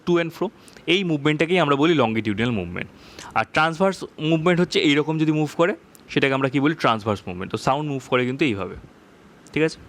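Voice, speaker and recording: A man teaching a physics lesson, explaining in a conversational way and reading textbook lines slowly, often checking if it's clear. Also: on the high side, fairly bright tone.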